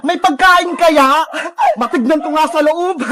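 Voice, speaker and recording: A woman's voice: high voice, measured pace, noisy background. A woman voicing a mischievous bully boy in a cartoon, with teasing, singsong taunts and cackling laughs. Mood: gleeful. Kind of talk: cartoon voice acting.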